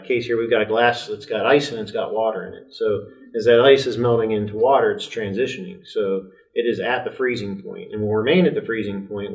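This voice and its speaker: A man speaking as a podcast guest, explaining things in a measured way with fillers. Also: fairly low pitch, recorded from a distance, poor audio. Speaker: director of quality and training. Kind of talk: casual podcast conversation.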